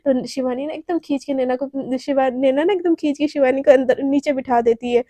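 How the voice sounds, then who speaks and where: A young woman casually retelling a love story in a chatty, animated way, full of fillers. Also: sits high, fairly quick, no echo.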